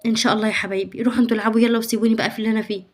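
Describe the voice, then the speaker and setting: Woman as a fretful Egyptian mom, high-pitched and very fast, hushed and soothing, family skit. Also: flat delivery, soft background music, close to an everyday voice. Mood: brushing off. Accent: Egyptian Arabic. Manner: anxious, hushed, reassuring. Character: worried devoted young mother of two. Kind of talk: home-made family sketch acting.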